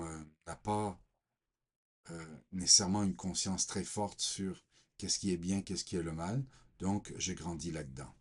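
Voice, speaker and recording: A man from Portugal gives his personal faith testimony in a deep, husky voice. He speaks slowly and haltingly, stopping often with fillers as he reads scripture and recounts his past. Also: a little mellow. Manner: slow, hesitant, many fillers.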